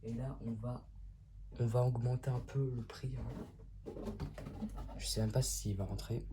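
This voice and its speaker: A man's voice: mid-range voice, steady tone, moderate pace, very noisy. A man hosting a casual unboxing vlog, talking in a chatty and enthusiastic way. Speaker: YouTube host.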